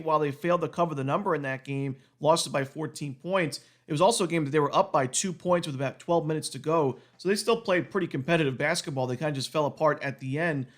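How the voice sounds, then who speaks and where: A man with a cold, his voice partly gone, gives a quick solo rundown of sports betting picks crammed with stats. His voice is on the high side.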